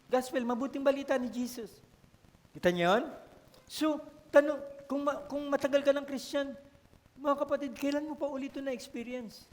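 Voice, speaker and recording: A male pastor with a Filipino accent preaching a sermon in a storytelling way, often calling out to the congregation. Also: extremely high pitch. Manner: storytelling, code-switching, asks the congregation for responses. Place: church hall. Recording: long church-hall reverb.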